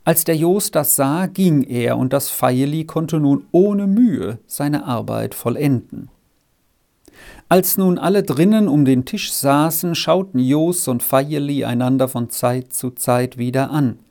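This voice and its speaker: A man narrating a children's story as an audiobook, in a measured storytelling manner. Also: a little high, vocal fry, mellow. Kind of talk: audiobook reading.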